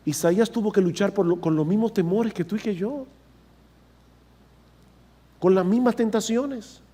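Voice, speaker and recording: A pastor with a high-pitched voice delivers a sermon. He preaches emphatically, repeating words for stress and asking his listeners questions directly. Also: moderate pace, mellow, slightly rough.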